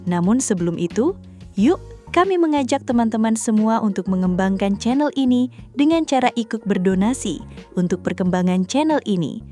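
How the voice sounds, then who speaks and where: A woman reading a scripted channel announcement in an even, polite voice-over. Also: on the high side, moderate pace, soft background music.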